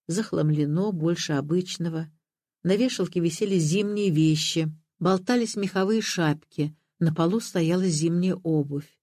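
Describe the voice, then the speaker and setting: A narrator reading a literary story in a calm, measured way. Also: mid-range voice, dry recording, clean studio sound.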